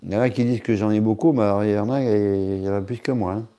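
A male streamer talks loosely to his viewers, filling gaps with hesitations and teasing jokes. His voice sits low and sounds deeply warm and dark. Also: fairly even intonation, rapid-fire, muffled recording. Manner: rambling, joking, many hesitations. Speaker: live streamer reading chat. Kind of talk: casual live-stream chat.

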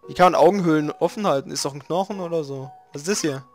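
A man hosting a let's play, reading game text aloud and making relaxed, swearing asides. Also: a little high, quick pace. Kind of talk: casual gaming commentary reading game text. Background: faint video game music.

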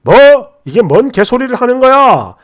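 A woman voicing an old-fashioned online commenter in a loud, contemptuous rant. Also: on the high side, sing-song, normal speed.

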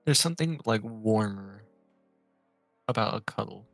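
Man, lowish voice, gravelly, joking boastful stream chat, faint music. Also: expressive, measured pace, fairly bright tone, dry recording.

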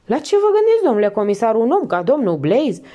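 A fussy, talkative middle-aged innkeeper woman from a read-aloud crime story, put on by a female narrator. Her voice jumps up high and swings lively, over a mellow, dark tone. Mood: excited. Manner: chatty, high and excited.

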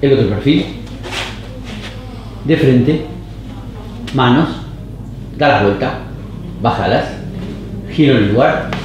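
A man directing actors on a casting tape with short, calm, even commands. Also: medium pitch, slow, long pauses, dull audio, a little hiss or hum. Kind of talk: giving short camera directions. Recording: roomy echoey studio.

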